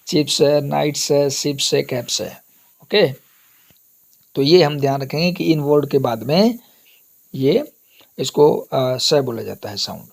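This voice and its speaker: Male teacher, slightly high voice, deliberate pace, drills words one by one and answers his own questions. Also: creaky, darkish tone. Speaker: English teacher. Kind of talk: classroom lesson on pronunciation.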